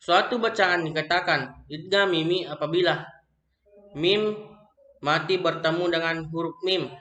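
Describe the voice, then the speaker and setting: A young man with an Indonesian accent reads a lesson on recitation rules aloud, slowly and haltingly, often restarting words. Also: fairly high pitch, sharp tone. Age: young adult. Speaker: student presenting an assignment. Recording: echoey room.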